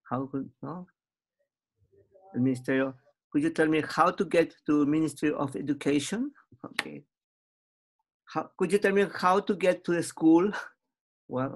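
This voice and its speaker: A man, teaching an English lesson with patient repetition and translation. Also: a little high. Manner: patient, repeats phrases and translates into Spanish.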